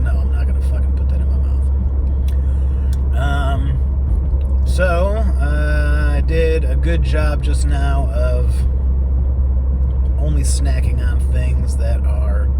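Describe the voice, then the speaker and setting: A man talking casually to his video diary in a candid, rambling, self-coaching way, with some mild swearing. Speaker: vlogger. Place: in a car on the road. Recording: rumbling car and street noise. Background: vehicle rumble, street noise.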